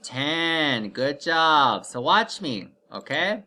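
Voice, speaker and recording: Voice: mid-range voice, very animated, pushed and bright. A teacher leading a children's math lesson like a kids show host, counting aloud step by step, asking simple questions and encouraging the listeners. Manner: slow, step-by-step, repeatedly checking with "okay?".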